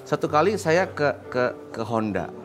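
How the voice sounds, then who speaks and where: A man, a pastor, telling a personal story on a religious TV talk show, animated and swinging loud and high when he recounts his anger. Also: normal speed, music in the background.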